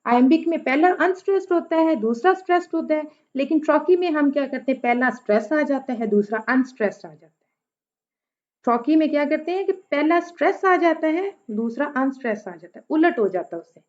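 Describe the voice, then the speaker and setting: A woman, a literature teacher lecturing slowly, repeating each example and stressing single words. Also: sits high, lo-fi sound. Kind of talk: lecture in Urdu mixed with English.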